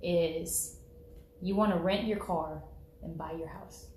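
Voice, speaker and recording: A woman's voice: fairly low pitch, steady tone, slow pace, a little mellow, a little hiss or hum. A woman loan officer explaining the home loan process in a conversational way, often checking in with "okay?". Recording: roomy, echoey room.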